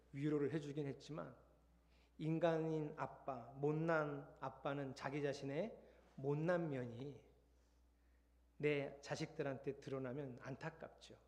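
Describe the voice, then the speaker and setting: A man preaching a Sunday sermon as pastor in a conversational style that builds to emphatic points. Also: medium pitch. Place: church sanctuary. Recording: long hall reverb.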